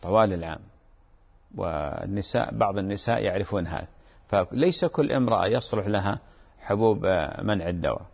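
Low gravelly-voiced sheikh answering questions. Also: male voice, animated, in a large hall, dull audio. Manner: measured, repeats key words for emphasis. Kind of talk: religious question-and-answer program.

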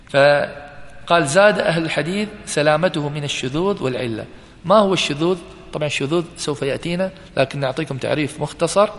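Man lecturing in a reverberant hall. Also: fairly high pitch. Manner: repeats key terms slowly, quizzes students. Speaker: teacher of hadith sciences. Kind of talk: classroom lecture.

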